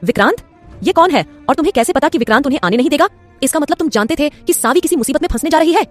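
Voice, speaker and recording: A woman voicing a loyal, hot-tempered old male family retainer who scolds and shouts in an audio story. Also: mid-range voice, animated, very fast, soft background music, natural voice. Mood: furious.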